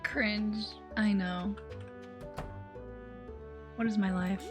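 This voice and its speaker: A hoarse young woman livestreaming, telling a story in a chatty, laid-back way with lots of "like". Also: mid-range voice, steady tone, drawn-out words. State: hoarse, losing her voice. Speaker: streamer. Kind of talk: casual livestream chat. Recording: faint music in the background.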